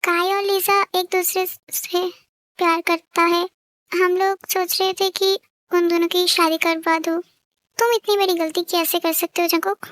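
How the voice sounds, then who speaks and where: Brief: woman as a scolding mother, very high voice, dry close audio. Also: little pitch movement, a little slow, fairly bright tone, no room sound. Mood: stern. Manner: scolding, questioning. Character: stern middle-aged mother.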